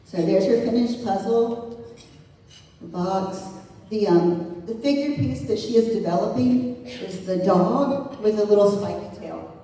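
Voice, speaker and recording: An event organizer presents contributors to a live audience, reading from notes and hesitating often with lots of fillers. Her mid-range, dark-toned voice is unhurried and sounds distant, captured by a far-off mic in an echoey hall with faint noise.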